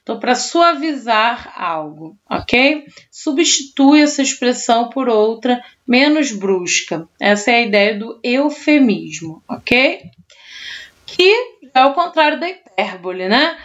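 A woman's voice: fairly high pitch, lively intonation, takes it slowly, muffled recording. A woman teacher, giving a recorded online class and explaining patiently, checking in with her students often.

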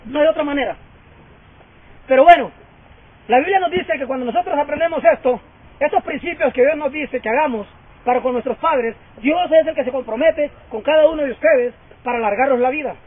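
A man's voice: very high-pitched, brisk. A man in his fifties preaching a fervent sermon and calling out for amens. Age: 50s. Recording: tinny phone-like sound.

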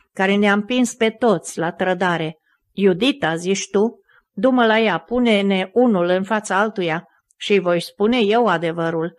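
A woman reading the lines of an anguished, remorseful male apostle who bursts out in loud, furious accusations. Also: medium pitch, lightly acted. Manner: impassioned, loud accusing outbursts.

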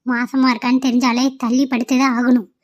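A woman's voice: high voice, level tone, fairly quick. A woman voicing the characters in a cartoon drama, talking with emotion and pleading. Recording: muffled lo-fi audio.

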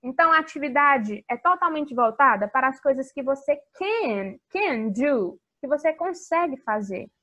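Lady teacher talking to little kids, high bright voice, singsongy, slows way down on the english words. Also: expressive. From Brazil. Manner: warm, sing-song teacher talk with slow modelled English words. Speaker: English teacher for young children. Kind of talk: recorded video lesson for kids.

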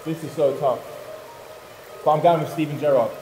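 A man's voice: on the high side, steady tone, normal speed. A man in his twenties with a London accent, chatting in playful, teasing slang as a quiz contestant. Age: 20s. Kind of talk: casual playful banter. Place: large tiled indoor pool room, in a tub of water. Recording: echoey reverberant pool hall, music behind.

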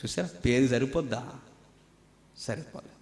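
A man preaching a sermon, swinging between loud emphatic lines and quiet asides, acting out the voices he quotes. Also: medium pitch, moderate pace. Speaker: pastor. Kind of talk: Telugu sermon. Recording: roomy hall with long reverb.

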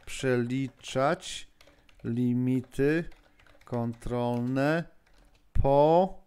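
A man runs a live-streamed training session at a medium pitch and an unhurried pace. He thinks aloud with frequent fillers and restarts, breaking off for chatty asides to viewers and moderators. The sound of typing on a keyboard comes through his desk microphone. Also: mellow, clear, resonant tone. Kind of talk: live-streamed lesson answering viewer questions.

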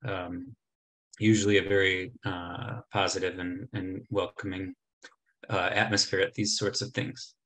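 Over a webcam video call from an indoor room, a man in his thirties gives a casual travel slideshow talk in a low, level, fairly bright voice at an unhurried pace. The audio is poor, and he chats along with many ums and restarts.

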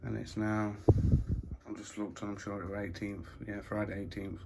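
Flat-voiced man filming on a phone. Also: on the low side, normal speed, gravelly. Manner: chatty, plain-spoken, full of fillers. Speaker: allotment vlogger. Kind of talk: casual walk-through commentary. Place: windy allotment outdoors, then a room at home. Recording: outdoor wind noise, then indoors.

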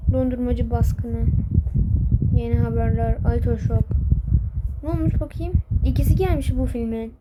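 High-voiced, panicky woman role-playing. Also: mellow. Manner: frantic, panicky self-talk. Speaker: video creator narrating a game role-play. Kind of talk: role-play narration, talking to herself. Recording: noisy background with clicks.

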